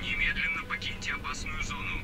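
Man voicing a stern automated alarm announcer, higher-pitched. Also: completely flat delivery, brisk, natural voice. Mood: urgent, impersonal. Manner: clipped, urgent, impersonal. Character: stern automated male warning system announcer. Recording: buried under loud game music.

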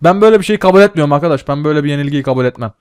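Excitable young man, dry close sound. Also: on the high side, racing, clean tone, no echo. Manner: excitable, swears and laughs often. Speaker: gaming channel host. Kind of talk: casual gameplay commentary.

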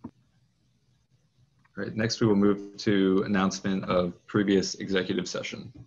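A man serving as school board president, chairing a formal meeting over a video call in a procedural, measured way with frequent fillers. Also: low-pitched, level tone, a little mellow. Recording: muffled video call audio.

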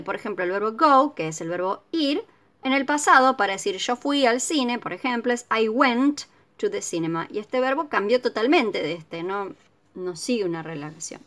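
A woman teaching a recorded video lesson, her voice sitting a little high. She explains step by step at an unhurried, patient pace, pausing often to ask whether her students follow. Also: fairly bright tone. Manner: patient, explanatory, keeps checking with "¿sí?". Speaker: English teacher.

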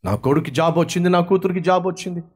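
A man's voice: high-pitched, fast talker, slightly rough. A man from India preaching a sermon, acting out quarrels between young people and their parents in different voices. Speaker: pastor.

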